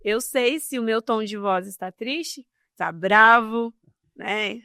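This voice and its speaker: A woman speaking as a podcast guest on communication, talking in a casual, expressive and emphatic way. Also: a little high, slow, creaky, clear, resonant tone, no echo, clean studio sound.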